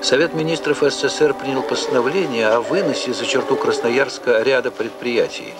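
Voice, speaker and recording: A man narrates an old archive newsreel in a measured, scripted voice-over. His voice sits at a middling pitch and builds into rhetorical, accusing questions. Loud music plays beneath him throughout. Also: steady tone. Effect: old newsreel narration played from an archive film.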